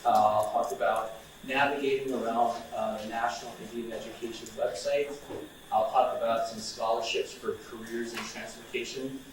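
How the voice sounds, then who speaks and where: Speaking at a moderate pace in a mid-range voice, this young man is an outreach coordinator chatting informally with students. He's laid-back, stumbling into fillers and restarts, and the distant mic picks up room echo and slight background noise.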